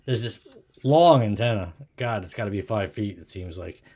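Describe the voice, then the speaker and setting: Speaking at a moderate pace in a lowish, expressive, darkish voice, a middle-aged amateur video maker chats casually to himself about an object he's showing. He's hesitant, musing and self-deprecating, seated at a wooden desk in a home room. The audio, from a camera or phone on a tripod, is clearly noisy and full of clicks.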